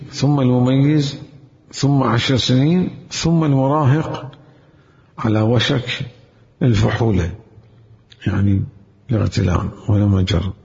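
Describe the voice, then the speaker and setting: A man's voice: mid-range voice, creaky, a little mellow. A man giving an Islamic jurisprudence lecture, asking rhetorical questions and repeating key words for emphasis. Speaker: seminary teacher. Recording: echoey hall, dull lo-fi sound.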